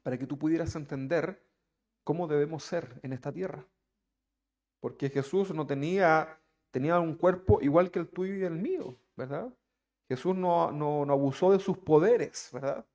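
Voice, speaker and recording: A preacher from Chile with a fairly high voice for a man, speaking. He delivers his sermon to the congregation and keeps putting rhetorical questions to them. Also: normal speed, a little mellow.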